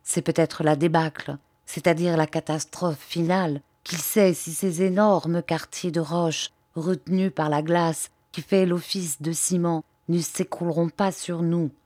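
A woman's voice: lowish voice, fairly even intonation, unhurried, mellow, no echo, studio quality. A woman reading aloud voices an anxious, earnest male scientist explaining a danger in an audiobook. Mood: grave, urgent.

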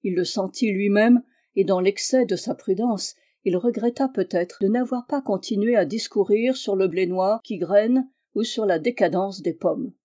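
In a mid-range voice, a woman narrates a classic novel for an audiobook, keeping an even, measured storytelling pace.

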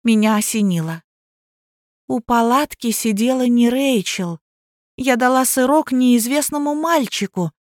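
A woman reading a first-person audiobook in a brisk, ironic storytelling manner. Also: fairly high pitch, animated, a little mellow, dry recording, studio quality. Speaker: audiobook narrator. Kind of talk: scripted first-person narration.

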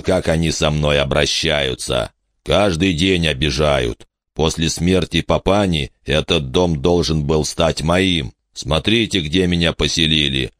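Slow kindly giant, voiced by a man, very deep voice, dry close audiobook sound, plain aggrieved manner. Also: a bit bright, no room sound. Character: huge, simple-minded, good-natured male giant.

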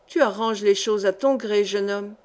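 A woman's voice: medium pitch, moderate pace, close to an everyday voice. A woman reading aloud as an old female miller who tells fortunes, commanding and solemn. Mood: brusque.

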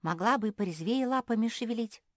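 A woman voicing a rude, sharp-tongued female frog who snaps and mocks loudly in an audiobook. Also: on the low side, normal speed, dry recording, studio quality, lightly acted. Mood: snappish. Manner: snapping, sarcastic, loud. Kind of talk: audiobook character voice.

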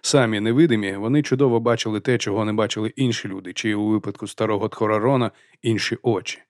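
Man narrating an audiobook, even voice, really dry sound. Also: on the low side, fast, no echo. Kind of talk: scripted narration.

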